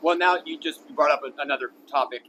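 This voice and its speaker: A man's voice: on the high side, quick pace, sharp tone, a little hiss or hum. Rambling male news interviewer. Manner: casual, rambling questions with restarts.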